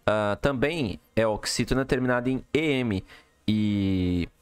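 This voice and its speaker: A man with a lowish voice explains a lesson step by step and keeps checking in with the listener. His voice is recorded close and dry, with no room sound. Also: measured pace, clean tone, no room sound, soft background music. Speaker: teacher. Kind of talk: recorded lesson correcting exercises.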